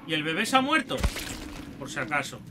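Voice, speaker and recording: A man's voice: on the high side, big pitch swings, brisk, bright, forceful tone, slight background noise. A man with a Spain Spanish accent giving crude, joking let's play commentary and taunting the enemies he fights. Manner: swearing, joking, talks to enemies. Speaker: gaming youtuber.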